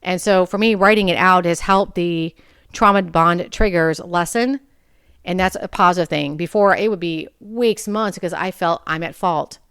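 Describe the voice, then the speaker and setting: A woman's voice: on the low side, moderate pace, fairly bright tone, clear, resonant tone, no echo, studio quality. A woman in her forties hosting a personal podcast, talking in a candid, blunt way and swearing freely. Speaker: podcast host.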